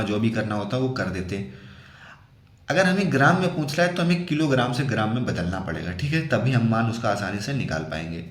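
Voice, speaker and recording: A man's voice: mid-range voice, fairly bright tone, roomy sound. A man patiently explaining a maths problem step by step, asking and answering his own questions as he goes. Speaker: maths teacher.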